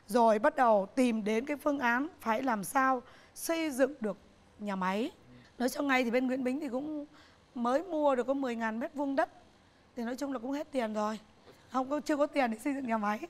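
On an indoor TV talk show set, a middle-aged businesswoman with a high voice answers interview questions. She comes across as earnest and halting, often repeating herself.

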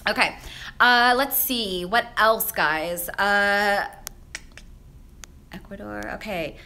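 At a slow pace and with a pushed, bright voice, a young woman who grew up speaking Vietnamese chats through a casual live Q&A as a menswear stylist. She's upbeat and talkative, laughing often and using many fillers. Her handheld phone, held at arm's length, shakes as she films in a high-rise office with large windows.

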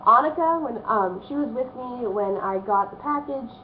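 A young woman with a slightly hoarse voice from a cold, chatting casually at her desk at home in a rambling vlog, with lots of ums. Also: fairly high pitch, animated, normal speed. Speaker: vlogger. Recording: phone-like narrow band, faint hiss.

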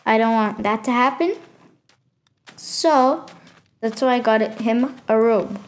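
A woman's voice: a little high, takes it slowly, slight background noise. A woman hosting a gaming channel, giving a casual tour of her game world and stopping often with fillers and self-corrections.

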